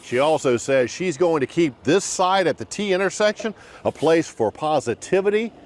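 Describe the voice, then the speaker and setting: A man reporting a news feature in measured scripted narration. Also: fairly high pitch, expressive, a little hiss or hum.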